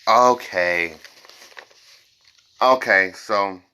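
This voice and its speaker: Speaking extremely slowly in a lowish, sharp, clean-toned voice, a male tarot and psychic reader hosts a reading for his viewers. He keeps it informal and improvised, blunt and emphatic, repeating himself and swearing at times.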